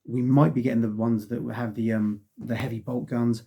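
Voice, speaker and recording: At a moderate pace and in a level tone, a middle-aged man with a mellow, husky mid-range voice reviews a wargaming magazine. A cold has him losing his voice, and his casual delivery rambles, punctuated by frequent sighs and ums.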